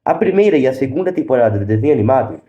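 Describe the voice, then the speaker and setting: A Brazilian YouTube host talks straight to the camera in a casual review, giving his opinions to viewers. His medium-pitched voice is warm and expressive, and he speaks very fast. The recording sounds roomy and echoey.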